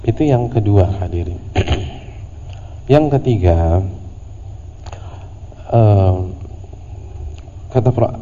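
A man teaching a religious study class in a relaxed, conversational way, with humorous slang asides. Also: on the low side, extremely slow, pauses often. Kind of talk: casual religious study lecture. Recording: lo-fi audio in a reverberant hall with faint noise.

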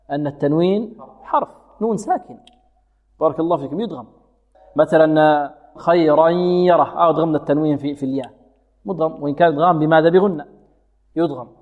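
A man teaching Quran recitation rules. He asks his students questions and answers them himself, and he recites verses slowly as examples. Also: a little high. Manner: has students repeat sounds after him. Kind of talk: tajweed lesson with slow recited examples. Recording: phone-like audio with long hall reverb.

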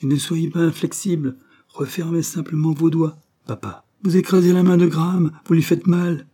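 A man puts on a loving young woman begging her father, her voice lifted higher than his own. The tone stays soft and warm, with a gentle breathiness. It is an audiobook reading. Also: fairly even intonation, normal speed, slightly rough. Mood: coaxing. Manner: pleading, earnest.

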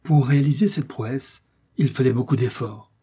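A man reading a children's story aloud with a gentle, expressive delivery. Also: mid-range voice, normal speed, husky. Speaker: narrator.

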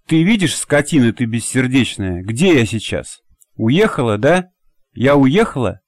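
A man voicing a fiery, quick-tempered young woman in an audiobook, speaking in a sharp, commanding way. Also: medium pitch, lively intonation, no room sound, studio quality, close to an everyday voice. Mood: furious.

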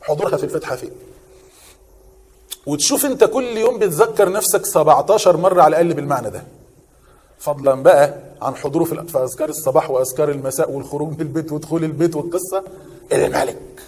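A man's voice: a little high, racing, husky, long reverb tail. A man with an Egyptian accent preaching a sermon, often asking his listeners a question and answering it himself. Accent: Egyptian Arabic. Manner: animated, asks and answers his own questions.

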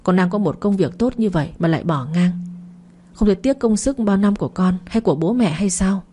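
A woman's voice: mid-range voice, animated, a little fast, warm tone, slightly rough. A woman voicing a stern, angry middle-aged mother who scolds and demands answers. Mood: anguished.

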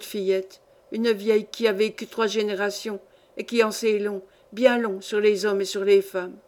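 A woman's voice: fairly high pitch, lightly acted. A woman reading a story aloud, voicing an indignant, worldly old grandmother who lectures her granddaughter with scorn. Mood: lecturing. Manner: scornful, lecturing, sweeping tirade. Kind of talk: audiobook reading.

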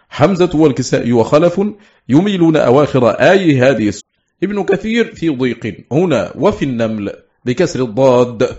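Guy reading a dense book out loud, steady and deliberate, bit muffled lo-fi sound. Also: mid-range voice. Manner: steady, deliberate, slows and chants some quoted verse words. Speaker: audiobook reader. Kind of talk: measured reading of a scholarly text. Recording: slightly dull lo-fi recording.

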